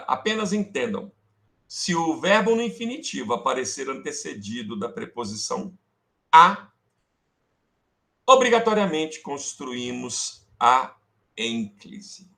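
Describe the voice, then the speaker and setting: Slow, lively-voiced male teacher. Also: on the high side. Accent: Brazilian Portuguese. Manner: calls students "amores", checks with "beleza?" and "tá?"; fiddles with slides while talking to himself. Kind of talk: online grammar lesson.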